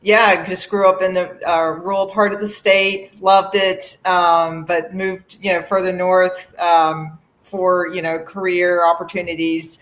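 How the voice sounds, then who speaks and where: A middle-aged woman from Virginia, a musician guest in a casual interview, friendly and quick to laugh, with many fillers. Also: lowish voice, level tone, a bit bright.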